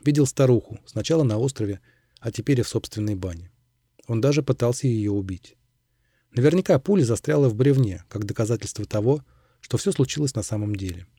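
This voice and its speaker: A man narrating an audiobook in a calm, measured storytelling manner. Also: mid-range voice, husky, dry recording, studio quality.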